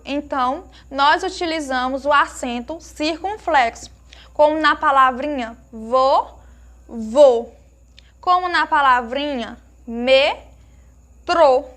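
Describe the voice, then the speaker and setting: A woman teacher giving a lesson to young children, asking them questions and slowly sounding out each word she explains. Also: high voice. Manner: slow emphatic sounding-out of words; warm diminutives, asks pupils questions.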